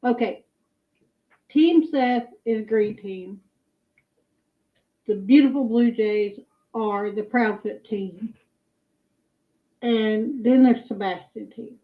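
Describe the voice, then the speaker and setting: Muffled, slow-talking woman with high voice. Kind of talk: casual opinion talk. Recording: muffled, phone-like playback.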